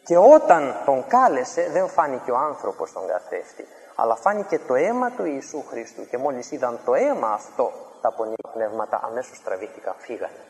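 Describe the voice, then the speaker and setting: A man's voice: medium pitch, big pitch swings, hardly any pauses, a little mellow. A man preaching a sermon to a congregation, telling a story and acting out the quoted lines with dramatic raised delivery. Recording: reverberant church hall.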